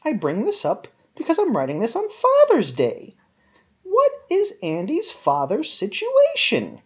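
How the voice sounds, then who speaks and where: A woman with a slightly high voice and huge swings in pitch reads a written review aloud at an unhurried pace. Her delivery is melodramatic and emphatic, stretching out words for effect, like a theatrical monologue.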